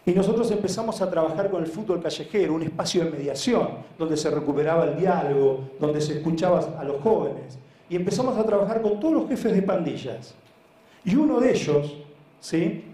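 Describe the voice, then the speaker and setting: Heard live in an echoey room, this Argentine speaker leads a social sports foundation and tells stories in an informal conference presentation. His Buenos Aires-accented voice is on the high side, fairly quick and mellow; he's earnest and emphatic, repeats words, and checks in with the audience.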